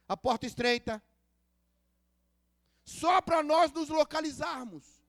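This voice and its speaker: A man's voice: extremely high pitch, no echo, clean studio sound. A male pastor preaching a sermon at a church service, telling stories and acting out the dialogue, and asking the congregation for responses. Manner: storytelling preacher who acts out dialogue.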